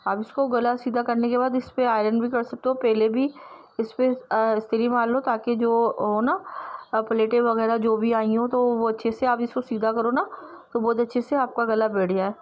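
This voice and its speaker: Lady sewing teacher, kinda high voice, slow patient how-to talk, lots of repeating. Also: level tone, a little mellow. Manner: patient, repetitive step-by-step explaining. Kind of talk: step-by-step sewing tutorial.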